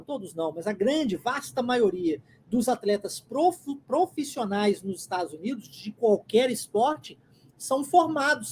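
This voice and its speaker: A Brazilian woman teaching English in Portuguese, explaining patiently and modeling phrases slowly with a rising lilt. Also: a little high, a little mellow, slight background noise. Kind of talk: language lesson.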